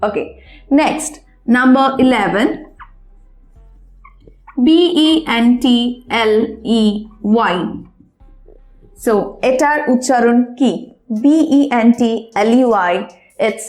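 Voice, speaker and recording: A woman's voice: a little high, expressive, darkish tone, reverberant, soft background music. A woman teaching English pronunciation in a lesson, spelling out words letter by letter. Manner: slow, spelling out letters one by one. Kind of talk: spoken language lesson.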